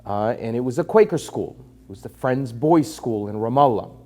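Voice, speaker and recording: A man's voice: medium pitch, expressive, moderate pace, dark tone. A man in his fifties, raised in Palestine and working as an attorney, telling his personal story in an earnest, emphatic way with frequent fillers. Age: 50s.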